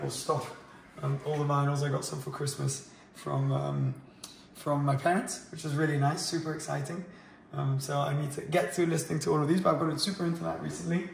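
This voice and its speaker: Young guy walking through his house chatting, bit high voice, kinda gravelly. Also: a little hiss or hum. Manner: relaxed, chatty, many fillers, walking while talking. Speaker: vlogger giving a home tour. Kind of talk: casual chat. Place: indoors, modern house, moving room to room. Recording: echoey rooms, slightly distant mic.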